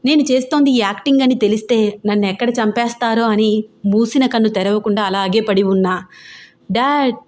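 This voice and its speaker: A woman narrates an audio love story with a slightly high voice. She speaks in the storytelling voice of a father fondly recalling how he met his wife. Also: fairly even intonation, brisk, darkish tone.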